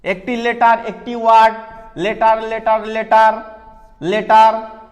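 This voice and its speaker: A man's voice: high voice, flat delivery, slow, in a large hall, soft background music. A Bangladeshi man teaching an English lesson, asking questions and answering them himself, spelling words out letter by letter. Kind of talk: recorded online lesson.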